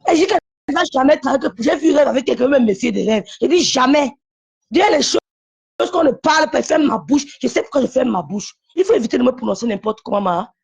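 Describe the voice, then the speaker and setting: Insistent high-voiced husky woman. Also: animated, fast. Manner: insistent, repetitive, confrontational. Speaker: live-stream guest. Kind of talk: heated live-stream call.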